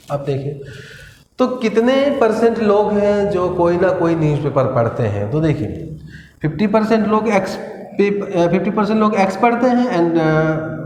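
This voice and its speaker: A man's voice: high-pitched, darkish tone, slight background noise. A man teaching maths at a board in a classroom, explaining each step and checking in with "है ना" as he goes, mixing English phrases into his lecture. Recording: echoey room, faint ambience.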